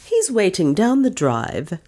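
A woman's voice: mid-range voice, wildly swooping pitch, slow, a little mellow, voice pushed up, exaggerated voice. Woman playing a careless young dandy for an audiobook, airy and offhand. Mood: breezy. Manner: light, breezy, careless. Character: foppish young man about town, airy and heartless.

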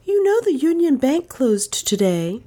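Woman doing a fiery young heroine in an audiobook, high and pleading, very animated. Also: unhurried. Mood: anxious.

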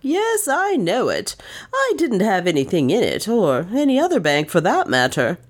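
A woman's voice: medium pitch, huge pitch swings, unhurried, a little mellow, pitched above the performer's own voice. A woman voicing a foppish young man about town who speaks in a light, careless, airy way. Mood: breezy.

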